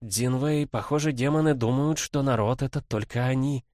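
A man voicing a thoughtful, explaining lioness in a storybook reading, slightly raised and measured. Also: mid-range voice, a little mellow, no echo, clean studio sound, pitched above the performer's own voice, close to an everyday voice.

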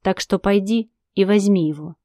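A woman reading a story, voicing a stern male ruler with a measured, domineering delivery. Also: mid-range voice, mellow, no room sound, clean studio sound, close to an everyday voice. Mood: commanding.

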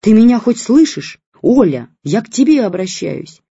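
A reader voicing a loud, demanding aunt who complains and shouts. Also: medium pitch, lively intonation, measured pace, breathy edge, dry recording, dull audio. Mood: shrieking.

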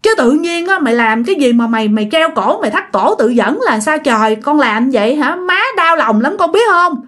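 A woman voicing an anxious elderly grandmother, pleading and fretful. Her speech is lively and rises high with worry. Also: normal speed.

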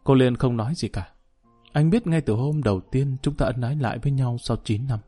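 Brief: steadfast gaunt ex-prisoner husband, calm and serious, as a narrator puts him on. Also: male voice, mid-range voice, fairly quick, husky, faint music behind, natural voice. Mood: calm, grave. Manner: calm, grave.

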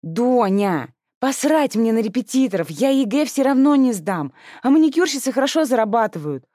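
A bratty sixteen-year-old girl, voiced by a woman reading the book, whining and squealing in high, leaping tones. She talks back and throws tantrums, her voice jumping well above the reader's own. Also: big pitch swings, normal speed, mellow, no echo, clean studio sound. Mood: cheeky, whiny. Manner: petulant, shrill outbursts.

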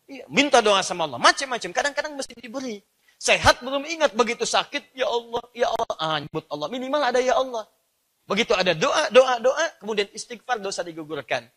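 A man preaching a sermon, swinging from loud emphatic lines to soft, low asides. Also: animated, a little fast.

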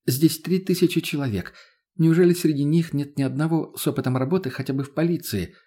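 A man's voice: on the high side, fairly quick, dark tone, slightly rough, pitched above the performer's own voice. A man doing a sly businesswoman of thirty. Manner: knowing, persuasive.

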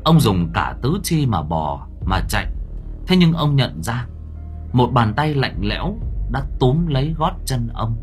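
A man narrating a horror story for an audiobook, with a dramatic, shifting delivery. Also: medium pitch.

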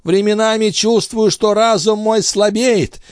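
A man voicing an ancient, frail male alchemist, wrathful and scornful, with a weak, quavering old voice and shrill shouting outbursts. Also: steady tone, measured pace, no echo, clean studio sound. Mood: weary. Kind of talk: audiobook character voice.

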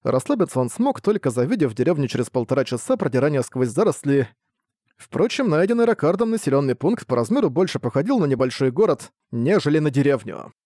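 A man narrating an audiobook in a steady, even storytelling manner. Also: on the high side, fast talker, dry recording, studio quality. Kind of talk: scripted narration.

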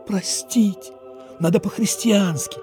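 A man's voice: sits high, takes it slowly, music in the background, voice pushed up. A man voicing a timid, earnest young clerk who talks in a nervous, stammering way. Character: timid, earnest young male clerk, jug-eared and pimply.

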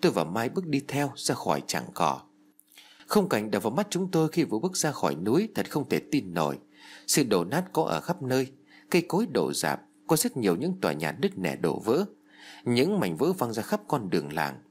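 A man's voice: medium pitch, wildly swooping pitch, fairly quick, slight background noise. A man reading a first-person novel aloud as an audiobook narrator, telling it expressively. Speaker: audiobook reader.

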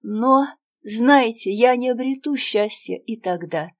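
A woman's voice: on the high side, expressive, takes it slowly. A woman voicing a remorseful young woman gambler in a storybook reading, pleading and earnest. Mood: anguished.

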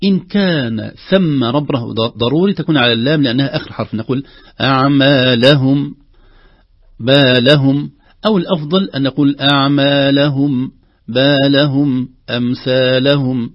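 Husky man teaching Quran recitation. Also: mid-range voice, animated, dry recording, muffled recording. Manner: patient, demonstrates words slowly and repeats them. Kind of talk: explaining recitation rules with spoken examples.

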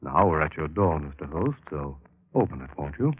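An actor playing a spooky mystery playhouse announcer, narrating in a theatrical, ominous vintage horror radio style. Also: male voice, on the low side, sing-song, slow pace, very noisy. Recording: tinny old radio recording.

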